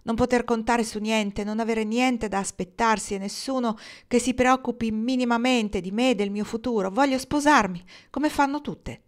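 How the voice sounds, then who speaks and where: A woman voicing a young female pianist, strong-willed and pleading, with sharp outbursts, in an audiobook. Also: medium pitch, normal speed, natural voice. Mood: upset.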